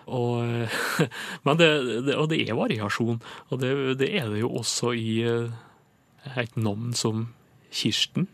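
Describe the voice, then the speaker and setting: A man as a radio dialect expert, answering listener questions in a measured, explanatory way with frequent pauses. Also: mid-range voice, fairly even intonation, creaky, dry recording.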